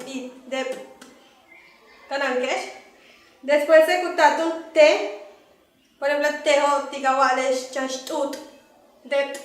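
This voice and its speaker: A young woman from Yucatán, Mexico, teaches letters and sounds, high-voiced, stopping often to search for words. She sits well back from the mic in a very echoey room. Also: distant mic. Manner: halting, with many fillers. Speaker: language teacher. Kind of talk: teaching lesson.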